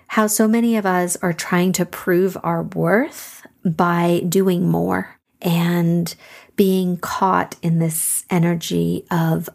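Woman podcast reader: unhurried, gentle, affectionate, lowish pitch with vocal fry. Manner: slow, soft-spoken, affectionate. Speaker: podcast host giving intuitive readings. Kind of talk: gentle reflective podcast talk.

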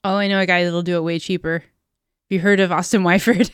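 A woman's voice: fairly low pitch, level tone, fairly quick, clear, resonant tone, no echo. Giddy joking woman, dry close sound. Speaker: podcast co-host. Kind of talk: comedic improv sketch.

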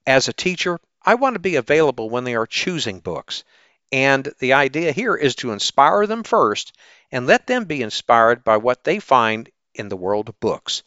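A man speaking as a teacher and podcast host in an animated, upbeat, salesy presenting style, often posing questions to the listener. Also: mid-range voice, moderate pace, no room sound, dull audio. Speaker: teacher hosting an education podcast. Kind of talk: upbeat promotional ad pitch.

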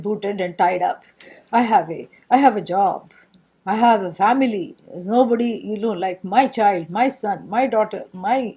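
Full of rhetorical questions and playful humour, this spiritual teacher's informal scripture lecture comes in a somewhat high, husky voice with an Indian accent. Her storytelling is animated.

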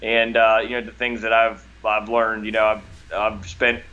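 A man with a rural American hillbilly twang, chatting casually as a podcast guest in a folksy, halting, rambling way. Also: fairly low pitch, completely flat delivery, bright, forceful tone, muffled recording. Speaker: podcast guest, lifelong fisherman.

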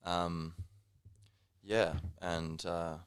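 A man's voice: sits low, little pitch movement, extremely slow, clear, resonant tone, no echo, studio quality. A man chatting casually as a podcast co-host, in a rambling, thoughtful manner. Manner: rambling, thoughtful, peppered with like and you know. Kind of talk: casual conversation.

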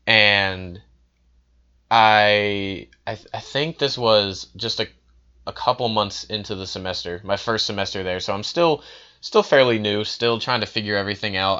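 Young man, casual storyteller, smooth and crisp, lo-fi sound. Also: fairly low pitch, bright, forceful tone. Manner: rambling, with frequent fillers and restarts.

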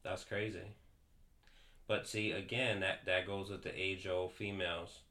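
Man, podcast co-host, casual argumentative chat, low pitch, bright forceful tone. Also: level tone, measured pace. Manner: argumentative, joking, many fillers.

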